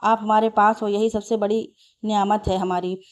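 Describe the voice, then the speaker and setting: A woman voicing an affectionate, courteous young husband in a spoken storybook, soft and polite in her own warm voice. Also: medium pitch, little pitch movement, normal speed, highs cut off, lightly acted. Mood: earnest. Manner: soft, tender and polite, using respectful plural address.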